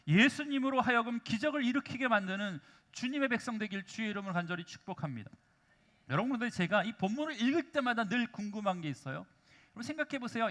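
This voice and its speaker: A man's voice: very high-pitched, sharp tone. A male pastor preaching a sermon in a church, often calling out to the congregation and asking rhetorical questions. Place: church sanctuary.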